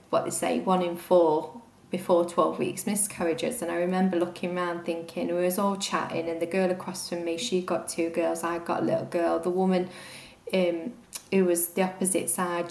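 A woman's voice: on the low side, vocal fry, darkish tone, roomy sound. A young woman telling a personal story in a rambling, conversational way, full of fillers. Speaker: guest sharing a personal story.

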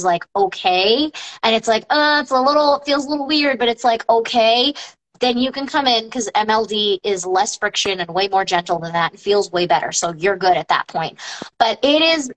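A fairly high-voiced woman in her thirties speaks as a massage therapist to her followers. She talks casually and emphatically, and her voice climbs higher when she gets indignant. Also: low-quality recording. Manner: emphatic, animated, rising in pitch when indignant. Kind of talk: casual live-stream talk to followers.

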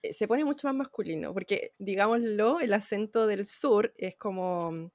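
A woman with a Chilean Spanish accent chats casually, emphatic and full of slang. Her voice is mid-pitched and sounds dry, with no room echo around it. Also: animated, normal speed, a little mellow. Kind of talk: casual panel chat.

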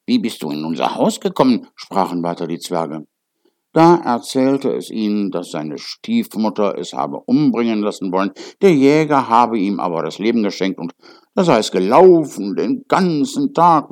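A man reading a fairy tale aloud as a storyteller, with an expressive, lively delivery. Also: fairly low pitch, no room sound, clean studio sound.

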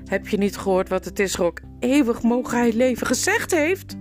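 A woman reading a storybook aloud and voicing a whiny, easily frightened young noblewoman in a high, squeaky, tearful wail. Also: very animated, moderate pace, faint music behind.

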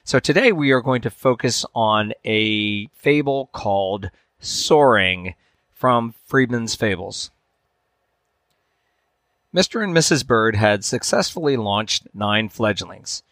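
A man's voice: fairly low pitch, expressive, fairly bright tone, dry recording, studio quality. Man reading a fable aloud on a podcast. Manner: measured storytelling delivery. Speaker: podcast host.

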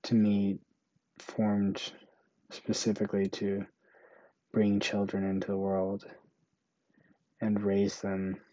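A young man hosting a solo podcast, thinking aloud slowly in a monotone way. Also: lowish voice, dry recording, muffled recording. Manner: slow, monotone, musing. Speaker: podcast host.

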